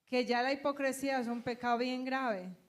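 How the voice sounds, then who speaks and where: A woman's voice: sits high, normal speed. Colombian woman pastor preaching. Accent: Colombian Spanish. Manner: animated storytelling, acting out quoted voices. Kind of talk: sermon with personal anecdotes.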